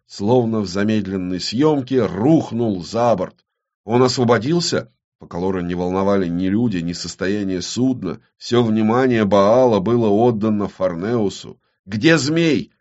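Low-voiced male audiobook narrator. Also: a little mellow. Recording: dull lo-fi recording.

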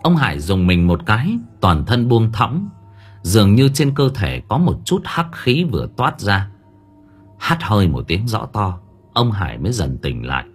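Husky male audiobook narrator. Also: lowish voice, big pitch swings, moderate pace. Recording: faint background music.

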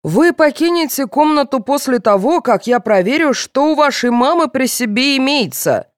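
A woman's voice: high-pitched, animated, normal speed, no echo, studio quality, voice pushed up. A woman reading the lines of a stern middle-aged male police officer in an audiobook, curt and commanding. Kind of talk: audiobook character voice.

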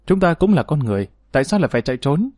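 A man's voice: fairly high pitch, big pitch swings, rapid-fire, a little mellow, dry recording. A man voicing a confident, protective leader who speaks in an easy-going, assured way, recorded dry. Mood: serious.

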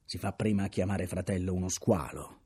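A man's voice: low-pitched, a little fast, warm tone, breathy edge, soft background music. A man voicing a delirious, unhinged first mate who shrieks and jeers. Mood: bitter scorn. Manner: shrieking, jeering.

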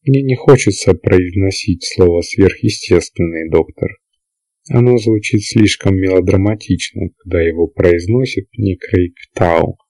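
A man reading the lines of a shrewd, seasoned male spaceship trader in an audiobook, in a measured, reasoning way. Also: deep voice, dark tone, dry recording. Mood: puzzled. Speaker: character in an audiobook.

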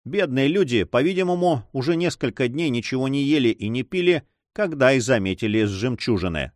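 A man narrating an adventure novel as an audiobook, in an expressive reading. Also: medium pitch, brisk, dry recording, studio quality. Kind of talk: scripted narration.

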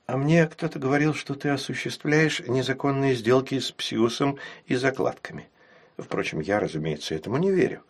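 A man's voice: mid-range voice, moderate pace, pitched above the performer's own voice, lightly acted. A man voicing a sly, fussy older man with a sneering, nervous manner in an audiobook.

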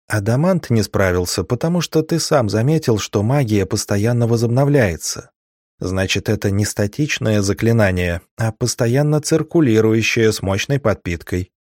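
A man voicing a sharp-tongued young female thief in an audiobook, lifting his voice higher and speaking in a brisk, sardonic way. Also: expressive, no echo, clean studio sound, natural voice. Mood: explaining. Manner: raised lighter pitch, brisk and sardonic.

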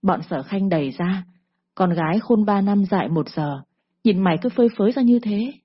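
A meddling aunt lays into her family with scorn, voiced by a woman narrating a story. The voice is husky. The recording is dull and lo-fi. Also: mid-range voice, animated, normal speed. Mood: scolding. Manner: scolding, nagging.

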